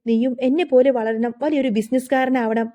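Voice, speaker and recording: A woman's voice: high-pitched, steady tone, moderate pace, mellow, muffled recording, lightly acted. A woman voicing a proud, confident young businessman who speaks in a mocking, self-assured way.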